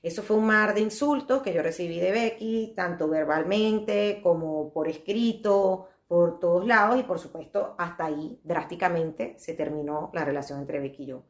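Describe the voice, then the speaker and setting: A woman's voice: on the low side, moderate pace, few pauses. A woman talking in a casual, reflective monologue, repeating her phrases and addressing her listeners directly. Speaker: podcast host. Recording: roomy echo.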